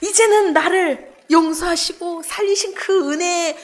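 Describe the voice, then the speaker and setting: A woman pastor delivers a sermon in a high voice, swinging between forceful, emphatic lines and quiet, hushed asides. She slips into acted-out scolding voices in casual speech to make her points. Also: a little slow.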